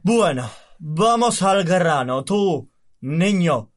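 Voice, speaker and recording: A man's voice: high-pitched, animated, extremely slow, heavily acted. A man voicing a pompous, weary genie of the lamp, speaking in grand theatrical proclamations. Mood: grumbling.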